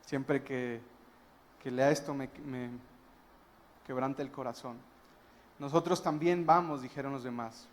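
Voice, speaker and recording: A man's voice: mid-range voice, fairly even intonation, a little slow, pauses often. A man preaching a sermon as a guest pastor, retelling a story emphatically and breaking into wondering exclamations.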